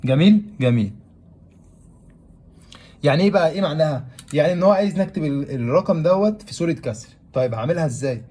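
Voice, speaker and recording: Egyptian man teaching math, very fast delivery, slightly high voice, quizzes the class and answers himself. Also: a little mellow. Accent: Egyptian Arabic. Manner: asks questions aloud and answers them himself. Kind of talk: classroom-style math lesson.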